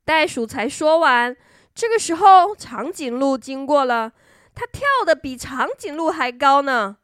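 Lady reading a kids story, high voice, gentle and expressive, dry close sound. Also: measured pace, dry recording.

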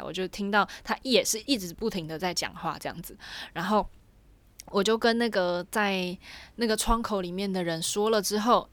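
A young woman casually telling a personal story, animated and chatty with lots of fillers. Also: on the low side, no room sound. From Taiwan.

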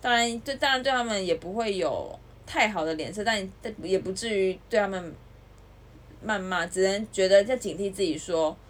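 A young woman, co-hosting a casual chat podcast and ranting with lively mimicry. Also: medium pitch, moderate pace. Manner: animated ranting, mimics others. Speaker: podcast co-host.

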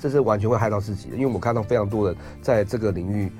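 Rapid, lower-voiced Taiwanese Mandarin man. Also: darkish tone, faint music behind. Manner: rapid, explanatory, lots of fillers and asides. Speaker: investment guest. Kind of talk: radio interview.

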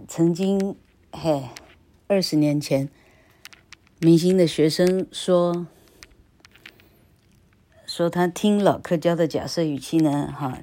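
Low-voiced, rambling woman teacher. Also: dark tone, slight background noise. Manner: rambling, chatty, tags sentences with "ha". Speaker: English grammar teacher, podcast host. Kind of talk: casual podcast grammar lesson.

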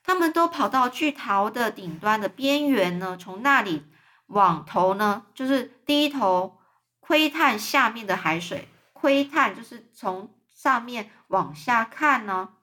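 A woman's voice: fairly high pitch, lively intonation, unhurried, pushed and bright. A woman reading a children's novel aloud as a storyteller, stopping to explain words for young listeners.

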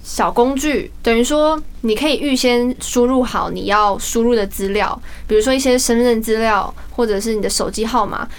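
A woman's voice: on the high side, normal speed, few pauses. A young woman with a Taiwanese accent, co-hosting a podcast in a casual, chatty style. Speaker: podcast co-host. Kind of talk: casual chat.

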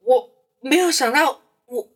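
A woman in her thirties with a Taiwanese Mandarin accent, a podcast guest telling a story in an animated, laughing way. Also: high voice, unhurried, husky.

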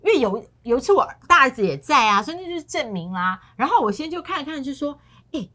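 A woman's voice: high-pitched, very animated, quick pace, bright, forceful tone. A middle-aged woman co-hosting a casual talk show, telling stories animatedly and acting out the people she quotes. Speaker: co-host.

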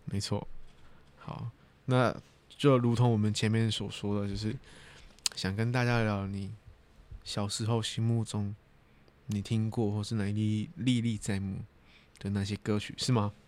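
A man's voice: fairly low pitch, flat delivery, normal speed, long pauses, darkish tone. A young man hosting a podcast in casual chat, easygoing and a bit tired. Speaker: podcast host.

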